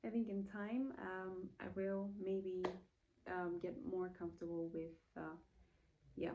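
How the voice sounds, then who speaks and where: In a noisy, phone-quality recording, a late-twenties vlogger from Zambia talks casually in an indoor room, saying the room feels hot. Her voice is fairly low, level, and unhurried, and her get-to-know-me chat rambles and self-corrects with lots of fillers.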